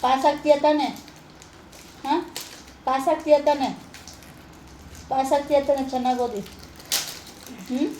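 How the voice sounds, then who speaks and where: A woman with a Kannada accent from Kalaburagi, gently coaxing and consoling a crying child in a casual family vlog. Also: high-pitched, steady tone, a little slow, long pauses. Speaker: vlogger. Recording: echoey room, faint noise.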